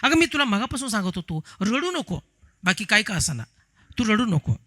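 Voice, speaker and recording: A man voicing a calm husband who soothes his crying wife and keeps repeating himself. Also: sits high, normal speed, full character voice. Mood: soothing. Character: calm husband amused by fake gold.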